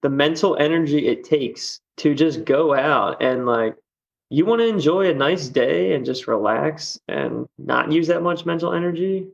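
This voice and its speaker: A man's voice: on the high side, animated, measured pace, gravelly, dull audio. A man chatting casually as a podcast guest, rambling with many fillers and easy laughs. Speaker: guest musician. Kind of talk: casual chat.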